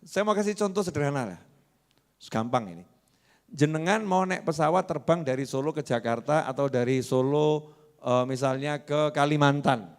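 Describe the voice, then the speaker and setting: A man with a Javanese accent preaching a sermon in a mosque, lively and quizzing the congregation. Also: fairly high pitch, normal speed. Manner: lively, asks the congregation questions.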